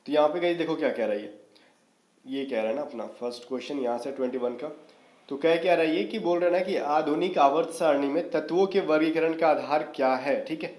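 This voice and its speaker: A man's voice: a little high, a little fast, darkish tone, echoey room. A man teaching an exam-prep lesson in a casual coaching manner, often checking in with his students. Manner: casual coaching, frequent "theek hai" check-ins.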